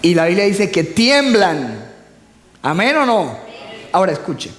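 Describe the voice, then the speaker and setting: A man preaches in a church hall, calling on the congregation to repeat after him. He speaks slowly in a high voice. The recording carries a long, echoing reverb. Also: very animated, a bit bright. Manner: call-and-response preaching with humor. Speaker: pastor. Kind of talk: sermon.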